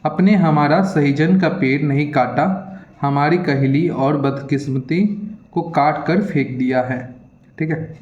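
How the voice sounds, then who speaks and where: Guy teacher rushing through exam answers, slightly high voice, echoey room, kinda muffled. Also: darkish tone. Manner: repetitive, keeps checking in with "theek hai"; hurried, reads questions aloud then explains. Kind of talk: explaining an exam paper to students. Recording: echoey room, dull lo-fi sound.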